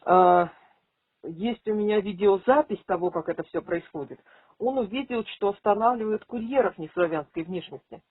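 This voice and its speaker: A woman's voice: medium pitch, normal speed, slightly rough, dry recording. A woman making a formal complaint over the phone, arguing assertively as a rights advocate. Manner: assertive, argumentative. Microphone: telephone line. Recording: tinny phone call, radio-like.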